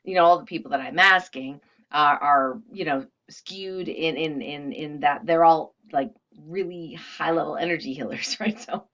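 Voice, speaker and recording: A woman's voice: sits low, moderate pace, a bit bright, muffled recording. A woman leading a casual, guided energy healing session, speaking conversationally with frequent asides.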